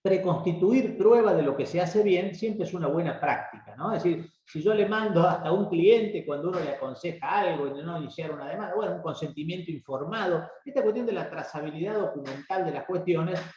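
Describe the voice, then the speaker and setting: A man with an Argentine Spanish accent moderating a legal webinar, explaining in a measured way with hesitant restarts over a video call. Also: on the high side, darkish tone. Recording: echoey, muffled video-call audio.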